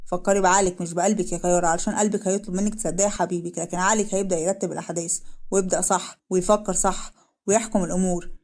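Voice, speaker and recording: A woman with an Egyptian accent voicing a protective young officer who gives calm, earnest advice. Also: fairly low pitch, racing. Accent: Egyptian Arabic.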